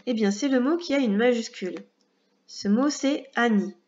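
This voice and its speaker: A woman teaching a first-grade reading lesson, speaking patiently with clear articulation and talking straight to the child. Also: fairly high pitch, normal speed, a little mellow, muffled recording.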